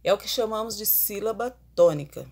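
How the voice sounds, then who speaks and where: A woman teacher giving an online grammar lesson, explaining slowly and putting questions to the class. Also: medium pitch, a little mellow.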